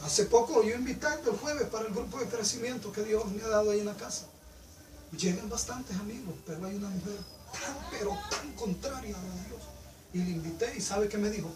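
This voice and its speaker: A man preaching a sermon, fervent and emphatic, with loud rising peaks. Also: high-pitched, animated, a little fast. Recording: echoey room, picked up from a distance.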